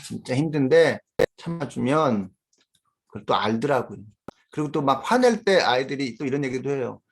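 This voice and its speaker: Brief: middle-aged man, gravelly voice, reflective seminar speaker, pauses to think. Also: mid-range voice, animated. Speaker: seminar speaker and father of four. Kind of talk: conversational seminar talk.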